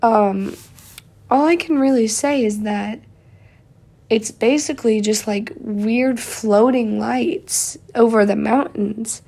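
A young woman hosts a relaxed solo podcast in a fairly high, gravelly voice that is warm and slightly rough, delivered slowly. Slightly congested from a cold, she chats away with frequent fillers.

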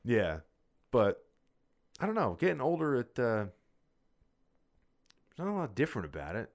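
A man in his thirties chats casually, rambling and swearing freely like a podcast co-host. His medium-pitched voice swoops wildly in pitch while he talks at a normal speed.

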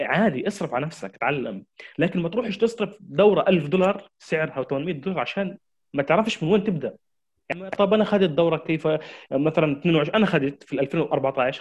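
Fast-talking man lecturing. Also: fairly high pitch, a little mellow. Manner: urgent, repetitive exhortations, addresses listeners directly. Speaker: marketing trainer. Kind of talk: lecture to an audience.

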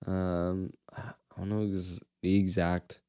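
A man's voice: low-pitched, level tone, takes it slowly, mellow, smooth, no room sound, studio quality. A young man hosting a podcast, chatting casually in a laid-back, joking way with frequent fillers and restarts. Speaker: podcast host. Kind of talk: casual chat.

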